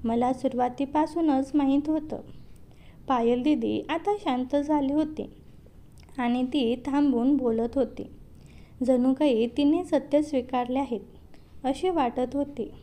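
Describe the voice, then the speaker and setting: A woman reading a story aloud in scripted narration, slow and even. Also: sits high.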